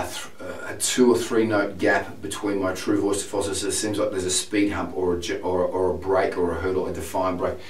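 In a video diary, a male voice teacher recovering from laryngitis gives a frank, detailed, unhurried account of himself. His lowish voice sounds congested, slightly hoarse and strained. The room sound is roomy and distant, with a piano in the background.

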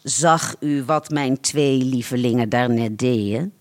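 A pampered, haughty rich lady from a storybook, as the reader puts her on, savoring every word in a languid, self-satisfied drawl. The delivery is unhurried and lingering. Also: mid-range voice, voice pushed down, natural voice. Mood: scheming. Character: wealthy, haughty older woman with dogs.

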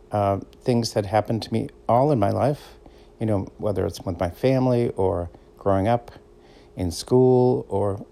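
This middle-aged podcast host from the Boston area speaks with a Boston accent at a medium pitch, his warm voice carrying some vocal fry. He runs a casual solo show, telling stories in an easygoing, meandering, conversational way.

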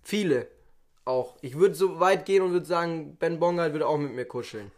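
A young man with a fairly high voice banters on a podcast. He rambles and plays at being offended, in a light and joking way. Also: normal speed. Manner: mock-offended, rambling, playful. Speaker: podcast co-host. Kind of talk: casual chat.

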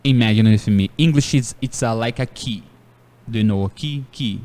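Podcast host guy, mid pitch, chatty and playful, bit of a long echo on it. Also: moderate pace. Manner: animated, playful storyteller. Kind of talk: casual podcast chat.

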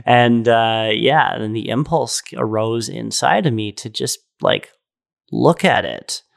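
A man's voice: medium pitch, sing-song, slow pace, vocal fry. A young adult man telling a spiritual story in casual chat, earnest and rambling, with lots of fillers. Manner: rambling and earnest, full of "like" and "right?".

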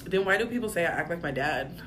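A woman's voice: fairly low pitch, lively intonation, quick pace. A woman chatting casually with a friend in a playful way, laughing and swearing. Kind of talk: casual chat. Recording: noisy background.

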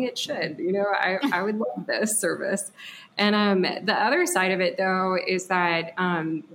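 A woman's voice: fairly low pitch, fairly bright tone, a little hiss or hum. A woman in her thirties from Texas, a company founder chatting as a podcast guest, full of fillers and frequent laughs. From Texas, USA. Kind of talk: casual interview.

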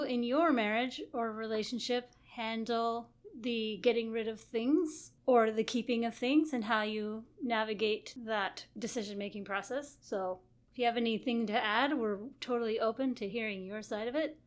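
A middle-aged woman with a fairly high voice co-hosts a casual podcast about marriage. She talks in an easy, chatty way and encourages her co-host with steady affirming murmurs. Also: moderate pace.

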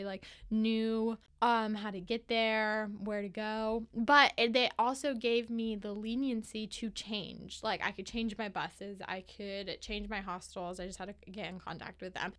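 A woman's voice: mid-range voice, a bit bright, smooth. A young American woman hosting a casual solo storytelling podcast, chatty and emphatic, swearing freely. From United States. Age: young adult. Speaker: podcast host.

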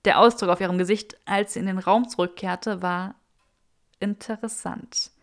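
A woman narrating a story as an audiobook in a steady, expressive reading. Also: mid-range voice, normal speed.

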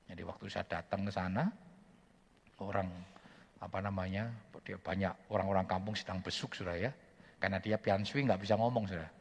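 A man's voice: low voice, fairly even intonation, a little fast, vocal fry, long reverb tail. A man preaching a sermon, telling stories animatedly and often addressing his listeners directly. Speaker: pastor.

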